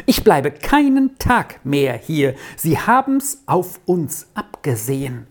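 A woman's voice: deep voice, slow, full character voice. A woman doing an agitated, nervous lady. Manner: agitated, excitable. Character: nervous, easily alarmed traveling lady.

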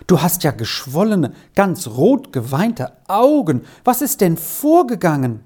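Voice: medium pitch, big pitch swings, unhurried, a little mellow. A storyteller voicing a caring mother alarmed by her son's tears. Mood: worried. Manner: worried, alarmed.

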